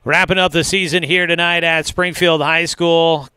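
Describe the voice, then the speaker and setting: Bright crisp radio sports announcer. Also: male voice, fairly high pitch, level tone, normal speed, no room sound. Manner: recaps plays with frequent fillers. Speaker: play-by-play announcer. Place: stadium press box.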